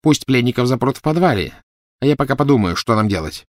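A man's voice: medium pitch, animated, fast talker, no room sound, pitched above the performer's own voice, natural voice. A fierce, half-mad witch barks orders in a raised, strained voice, done by a man narrating. The storybook reading is dry and close. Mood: commanding. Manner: hissing, commanding, rising to shrieks. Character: shrill, frantic, cruel witch woman.

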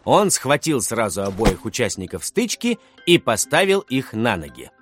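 Expressive male storybook narrator. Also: mid-range voice, normal speed, faint music behind. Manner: expressive, animated. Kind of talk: storybook reading.

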